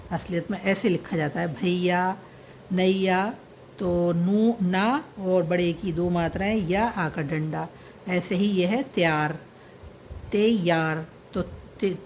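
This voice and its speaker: Woman teacher, unhurried lesson delivery, spells out words and repeats them, faint background hiss. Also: fairly low pitch, darkish tone. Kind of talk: slow explanatory script lesson.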